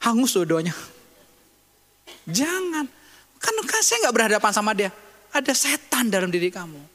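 A man's voice: high-pitched, very animated, normal speed, pushed and bright, long reverb tail. A man preaching a sermon as pastor, talking emphatically in a conversational way and asking rhetorical questions.

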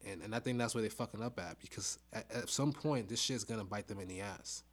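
A man's voice: lowish voice, quick pace. A man hosting a casual fan podcast from his home basement, talking bluntly and informally with some swearing. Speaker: podcast host. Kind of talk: casual, profane fan discussion.

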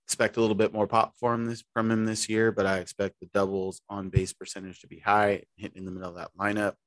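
A man co-hosting a podcast chats casually about baseball, rambling in an easygoing way and restarting mid-sentence. His lowish voice is flat in delivery, quick in pace, and recorded with no echo.

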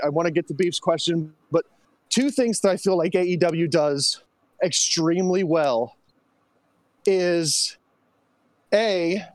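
A man with a notably high voice gives an animated, opinionated rant on a casual podcast. The sound is dry and close, with no room behind him. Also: dry recording. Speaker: podcast co-host. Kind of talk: casual chat.

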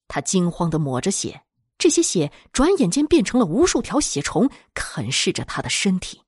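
A woman narrating a scripted horror story in a dramatic, expressive storytelling manner. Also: on the low side, husky, no room sound, studio quality.

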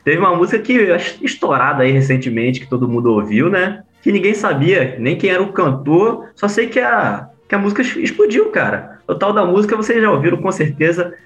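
A man's voice: high voice, brisk, few pauses, roomy sound, soft background music. A man co-hosting a podcast, joking and chatting casually. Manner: joking, animated. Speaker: podcast co-host.

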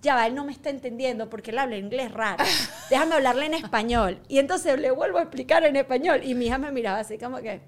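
A middle-aged woman chatting casually on a podcast, telling animated stories and acting out the people she quotes. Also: high voice, fast talker. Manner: animated storyteller, acts out quoted voices. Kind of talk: casual chat.

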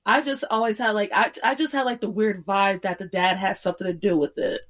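A woman's voice: medium pitch, steady tone, fairly quick, fairly bright tone. Slangy, hesitant woman chatting. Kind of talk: casual film discussion.

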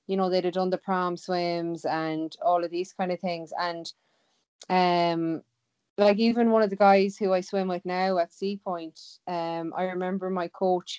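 A woman with a west of Ireland accent chats informally in a clear, smooth voice that sits a little low. The sound is dry, with a slightly muffled, lo-fi edge. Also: a little mellow, no echo. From Galway, west of Ireland. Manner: chatty, informal. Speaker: interview guest, sea swimmer. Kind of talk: casual chat.

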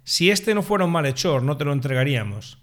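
A man's voice: on the high side, big pitch swings, quick pace. A man calling out as an angry crowd. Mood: insistent. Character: angry crowd of men shouting demands.

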